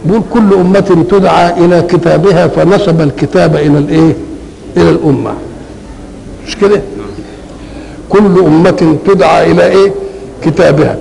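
An older man with an Egyptian Arabic accent, explaining Quranic verses in a conversational lecture, asking questions and answering them himself, slowing down to recite. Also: on the high side, steady tone, gravelly, warm tone, low-quality recording. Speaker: Quran commentator. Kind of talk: colloquial Quranic exegesis lecture.

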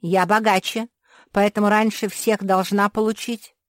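A woman voicing a spoiled, rich young labrador girl who whines and demands loudly. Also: medium pitch, flat delivery, a little slow, no echo, clean studio sound, voice pushed up, natural voice. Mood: bossy. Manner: whiny, demanding, loud.

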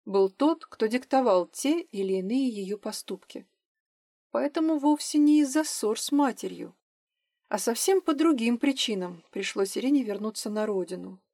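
A woman narrating an audiobook in an even, measured manner. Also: a little high, no room sound, clean studio sound. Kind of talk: audiobook reading.

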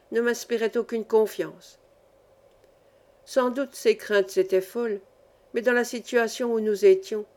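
A woman narrating a classic novel as an audiobook reader, measured and even. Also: mid-range voice.

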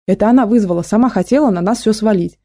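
Lady doing a worried teen boy, urgent, dark mellow tone. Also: mid-range voice, fast, no echo, clean studio sound, lightly acted. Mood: anxious. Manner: anxious, urgent. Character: quick-thinking teenage boy, worried.

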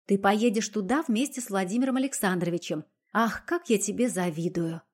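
A woman voicing a naive, childish young noblewoman in love, speaking in a higher, gushing, insistent way. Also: a little fast, husky, lightly acted.

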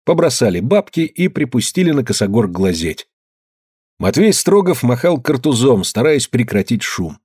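A man's voice: mid-range voice, sing-song, normal speed, darkish tone, slightly rough, no echo, clean studio sound. A man reading a novel aloud as audiobook narrator. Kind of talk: scripted narration.

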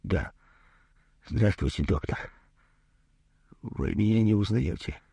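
A man's voice: fairly low pitch, animated, slow pace, gravelly, dark tone, slightly rough, dry recording, exaggerated voice. A man voicing a tall, timid, bewildered male plumber who talks in a plaintive, pleading way in a humorous storybook reading.

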